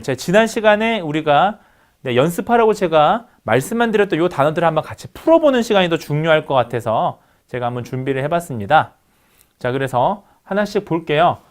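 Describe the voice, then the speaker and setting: Male lecturer, slightly high, lively delivery, asks the class questions and answers them. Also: brisk. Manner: instructive, poses questions to students then answers them. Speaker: university lecturer. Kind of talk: online phonetics lecture.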